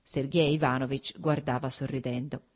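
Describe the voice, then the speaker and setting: A woman narrating a classic novel as an audiobook in a steady, measured reading. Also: rumbling low. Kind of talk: scripted narration.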